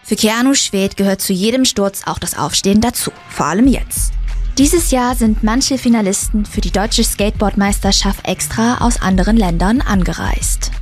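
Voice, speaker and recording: A female news reporter reading a scripted voice-over with faint music underneath. Her delivery is even and clear, a report read at a steady pace. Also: mid-range voice, normal speed.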